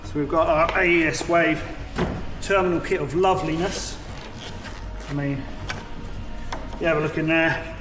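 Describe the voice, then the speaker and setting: Long pauses mark this man's unhurried delivery, his fairly high voice keeping a fairly even intonation. He is a mechanic presenter giving an informal hands-on tutorial, step by step, in a vehicle workshop full of background noise.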